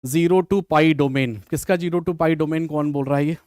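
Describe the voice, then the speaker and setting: High-voiced Hindi maths teacher, dry sound. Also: male voice, steady tone, normal speed, darkish tone, no echo. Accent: Hindi mixed with English maths terms. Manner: addresses students directly, reads comments, thinks aloud. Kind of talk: live online exam solution class.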